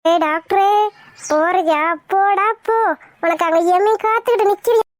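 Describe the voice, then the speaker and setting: A woman's voice: extremely high pitch, normal speed, no room sound, clean studio sound. A woman voicing a scheming, jealous mother in a cartoon, spiteful and sneering.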